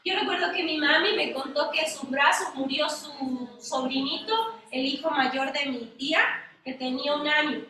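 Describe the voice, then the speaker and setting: High bright-voiced woman teaching. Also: normal speed. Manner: animated, engages listeners with questions. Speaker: women's Bible study leader. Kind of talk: church Bible study teaching. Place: church meeting room. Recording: echoey room, mic at a distance.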